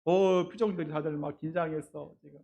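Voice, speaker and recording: A middle-aged man, a pastor, preaching a sermon in a church, acting out quoted voices and swinging between loud and soft. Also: fairly high pitch, fairly even intonation, brisk, gravelly. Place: church sanctuary.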